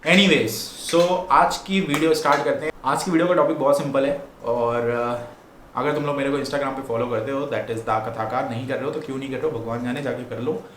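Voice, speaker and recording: A man's voice: medium pitch, fairly even intonation, a little fast, fairly bright tone, a little hiss or hum. Chatty male photography vlogger, echoey room. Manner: chatty, teasing street slang asides. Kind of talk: casual vlog talk. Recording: echoey room with faint ambience.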